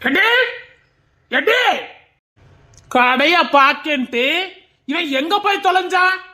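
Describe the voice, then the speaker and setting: A woman's voice: high-pitched, lively intonation, slow, full character voice. A woman playing a scolding middle-aged male village shopkeeper. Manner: scolding, shouting. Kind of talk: village comedy-drama acting.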